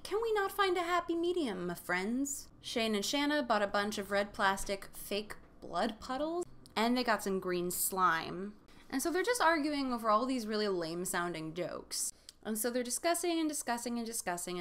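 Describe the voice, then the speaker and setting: A woman hosting a comedy show, reading a children's book aloud and recapping it with exasperated, deadpan jokes. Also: medium pitch. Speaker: comedy podcast host. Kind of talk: sarcastic recap and read-aloud of a kids' book.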